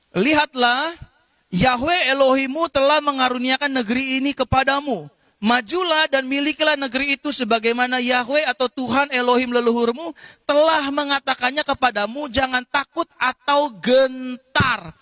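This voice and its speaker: A man preaching a sermon as pastor, impassioned and direct, sometimes slipping into slow sung prayer. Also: extremely high pitch, pushed and bright, dry recording.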